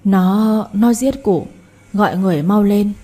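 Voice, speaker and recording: A woman's voice: mid-range voice, unhurried, warm tone, close to an everyday voice. A woman voicing a dying old grandfather. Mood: feeble. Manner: weak, broken-off whispery phrases. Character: dying old patriarch, feeble, gasping.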